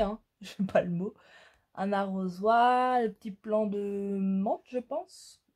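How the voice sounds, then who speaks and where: A woman talks slowly through her new scrapbooking supplies in a relaxed show-and-tell. She hesitates often and fills gaps with soft fillers. Her pitch sits in a middle range. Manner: slow, hesitant, many fillers. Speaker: crafting vlogger. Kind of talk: casual haul show-and-tell.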